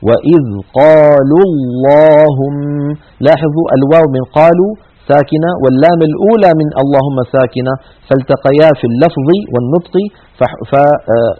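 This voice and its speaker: Man explaining grammar on a televised lesson, brisk, narrow tinny audio. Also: a little high. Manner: explains slowly, reads examples aloud with emphasis, repeats points. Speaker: teacher. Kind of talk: Quranic Arabic grammar lesson. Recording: tinny phone-like broadcast sound.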